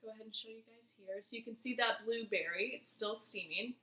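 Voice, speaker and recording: A woman's voice: fairly high pitch, brisk, pushed and bright. A woman in her twenties giving a casual cooking demonstration in her home kitchen, chatty and easygoing as she talks viewers through each step. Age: 20s. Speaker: cooking vlogger. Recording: roomy kitchen echo.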